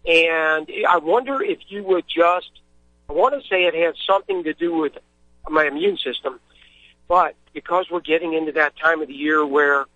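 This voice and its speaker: A man's voice: on the high side, normal speed, sharp tone, no echo. Rambling male caller on a phone line. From Missouri, US. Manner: rambling, friendly, many fillers. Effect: clipped phone line. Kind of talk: casual call-in chat. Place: in a moving vehicle. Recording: dull, dry phone audio.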